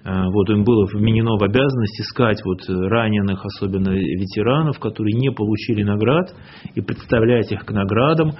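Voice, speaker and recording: A man's voice: lowish voice, fairly quick, husky. A man speaking as a historian guest in a radio interview, explaining earnestly in long, building sentences. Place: radio studio. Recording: dull lo-fi radio, faint hiss.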